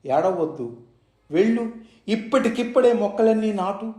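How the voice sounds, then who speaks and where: A man's voice: high voice, animated, normal speed, dark tone, pitched above the performer's own voice. A man voicing a revered old male saint who speaks to a devotee in a soothing, coaxing, fatherly way, in an echoey room. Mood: consoling.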